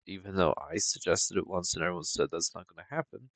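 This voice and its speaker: A man with a low, gravelly voice talks through game cards in a loose, rambling way, full of ums and likes. He sounds laid-back and close to the mic, in a dry room with no echo. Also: fairly even intonation, fast. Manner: rambling, heavy on fillers and hedges; laid-back, sometimes yawning. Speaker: card game reviewer. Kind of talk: casual game review commentary.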